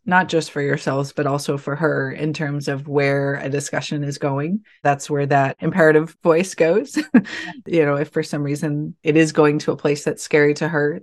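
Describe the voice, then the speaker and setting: A woman giving calm, measured and reassuring advice in a relaxed conversation. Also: low voice. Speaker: podcast guest.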